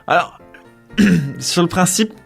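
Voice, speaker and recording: Man, radio co-host, casual chat, higher voice, rambling with fillers. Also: lively intonation, slow pace, creaky, slightly rough, faint music behind. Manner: rambling, many restarts and fillers, laughs often. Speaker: radio co-host presenting gift ideas.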